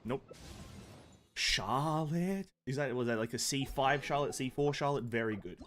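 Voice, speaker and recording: A young man casually commenting on his own game pulls, mostly dry and muttering, at times breaking into loud excitement. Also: mid-range voice, a little slow. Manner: deadpan and muttering, bursting into shouting excitement. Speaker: game streamer. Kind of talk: casual live-stream commentary.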